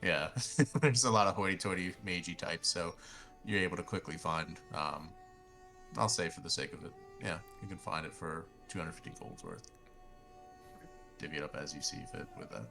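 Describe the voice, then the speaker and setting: A very low-voiced man with a strongly creaky edge acts as game master. He improvises his narration haltingly, thinking aloud, in a bright, forceful tone. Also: expressive, faint music behind.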